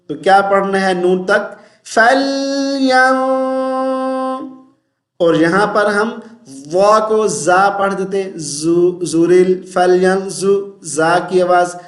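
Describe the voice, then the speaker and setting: Male tajweed teacher with a high voice, slow chanted verses between quick corrections, echoey room. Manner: drawn-out melodic recitation of verses, then brisk corrective explanation. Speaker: Quran recitation teacher. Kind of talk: tajweed lesson, alternating slow chanted recitation with spoken explanation.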